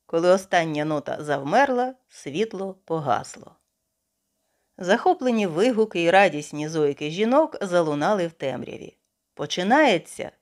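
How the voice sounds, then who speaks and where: Expressive woman audiobook narrator. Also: fairly low pitch, moderate pace. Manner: expressive storytelling. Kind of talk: scripted literary narration.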